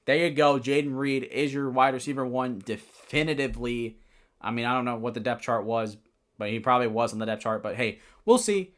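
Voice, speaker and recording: A young man talks through the week's football games on his own show, loose and opinionated. He wanders off track, stumbles, and corrects himself as he goes, at a middling pitch. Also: brisk. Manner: rambling, self-correcting, opinionated. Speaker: sports podcast host. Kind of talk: casual solo football recap.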